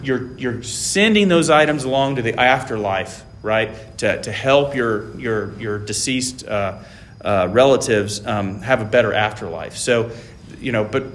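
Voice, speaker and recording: A man who grew up in Taiwan lectures a class in a loose, unscripted way. He stops and restarts often and keeps asking "right?" and "okay?". His voice sits mid-pitch with faint noise behind it. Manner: halting, many fillers and restarts, checks in with "right?".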